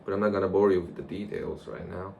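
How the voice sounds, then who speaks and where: A man's voice: sits low, quick pace, mellow, highs cut off. A young man rambling casually and reflectively to a camera, in a loose conversational monologue. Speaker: vlogger. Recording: clear background noise.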